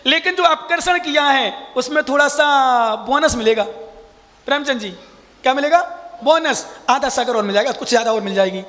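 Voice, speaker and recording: A man teaching scripture as a monk, his voice pitched very high and bright. He explains verses step by step and quizzes his listeners. His voice rings out in a large hall with a long echo. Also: moderate pace. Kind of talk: scripture class lecture.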